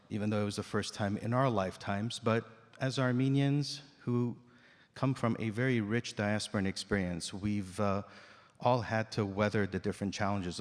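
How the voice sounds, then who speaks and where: Man, lowish voice, politician at the podium, slow somber delivery, long hall reverb. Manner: measured, somber, slows on key words. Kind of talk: formal public speech. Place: large indoor theater.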